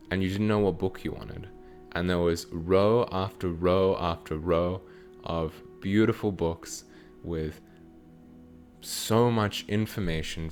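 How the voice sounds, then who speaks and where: Speaking in a deep voice, a man leads a guided meditation as part of a channeled spiritual teaching. His phrases are short, measured, and slowly paced.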